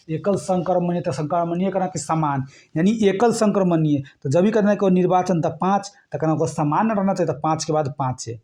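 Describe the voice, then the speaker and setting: A man's voice: high-pitched, dark tone. A man teaching an exam-prep lesson, repeating points and checking in with the class. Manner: repetitive, keeps checking "ठीक है?" with listeners.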